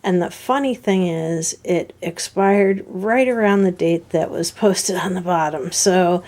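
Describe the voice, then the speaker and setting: A middle-aged woman chatting casually to camera about decluttering, unhurried and chatty with small laughs. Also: fairly low pitch, darkish tone. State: out of breath. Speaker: decluttering vlogger.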